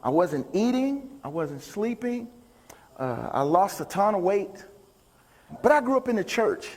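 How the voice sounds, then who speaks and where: In a large indoor venue with a reverberant hall sound, a motivational speaker and musician gives an upbeat, folksy talk, bantering with the audience. His high, darkish voice moves in an unhurried, sing-song way.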